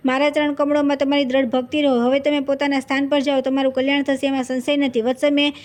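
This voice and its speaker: A woman reading the lines of a calm male divine lord giving a blessing and an order in a devotional story. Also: sits high, fast, lightly acted. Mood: commanding.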